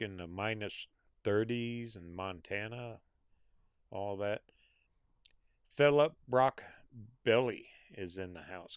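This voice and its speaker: Male live host, casual and unhurried, answering viewer questions in a dry, close sound, voice getting tired. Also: fairly low pitch, clean tone, dry recording. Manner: reads out viewer names and comments with small laughs. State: losing his voice. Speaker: livestream host reading viewer comments.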